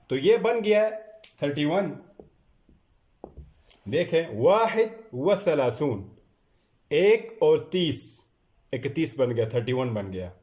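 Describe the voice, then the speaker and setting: A man teaching a classroom lecture, drilling numbers slowly and stressing each one as he repeats it. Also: a little high, warm tone. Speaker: Arabic teacher. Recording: echoey room.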